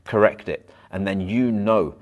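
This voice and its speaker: A man, a hypnotherapist, talking to camera with self-help advice. He rushes his words and sometimes stumbles or repeats them. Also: fairly low pitch, muffled recording. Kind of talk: motivational advice monologue to camera.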